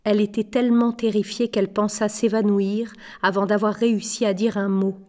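A woman narrating an audiobook with expressive character voices. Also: mid-range voice, brisk.

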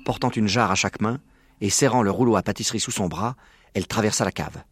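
A man calmly reading a children's story aloud. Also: on the low side, fast talker, soft background music. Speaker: narrator.

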